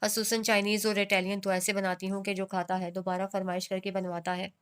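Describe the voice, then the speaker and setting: Proud, quick-tempered young heroine, read by a woman narrator, clear, steady. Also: mid-range voice, close to an everyday voice. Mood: indignant.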